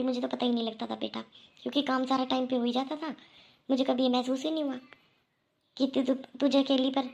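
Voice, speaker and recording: A kindly middle-aged mother-in-law in a cartoon, played by a woman. She is full of remorse and soothes and reassures, going over the same point again. Her voice is high with a gravelly fry. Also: darkish tone. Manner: soothing, reassuring, repeats herself. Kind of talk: Hindi cartoon voice acting.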